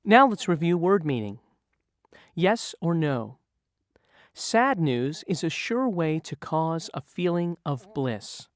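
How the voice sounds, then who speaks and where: This vocabulary-lesson narrator poses slow, scripted review questions on word meanings, patient and teacherly throughout. The mid-range voice swings widely in pitch and takes its time, recorded at studio quality without echo.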